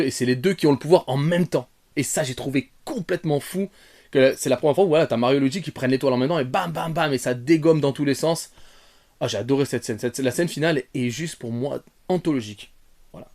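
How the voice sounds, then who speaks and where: A man giving an off-the-cuff film review, rambling with many fillers and restarts, talking straight to his viewers and jumping from soft asides to loud outbursts. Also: medium pitch, quick pace. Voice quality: bearded. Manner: addresses viewers directly. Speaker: retrogaming YouTuber.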